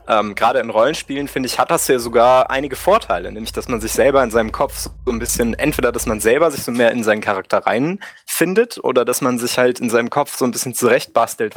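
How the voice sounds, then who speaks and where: A man's voice: medium pitch, dry recording. A man hosting a casual gaming podcast, rambling with many fillers and asking his co-hosts for their views.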